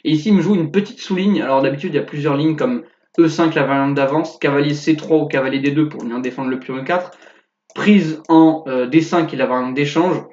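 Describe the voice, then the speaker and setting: A young man casually commenting on one of his own chess games, thinking aloud with fillers and quick self-corrections. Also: on the high side, a little mellow. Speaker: chess youtuber analyzing his own game. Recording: echoey, dull lo-fi sound.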